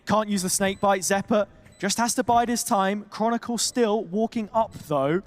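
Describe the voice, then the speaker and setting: A man casting a competitive video game match with fast, punchy play-by-play calls and colorful phrases. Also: high-pitched. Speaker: esports caster. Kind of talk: play-by-play commentary.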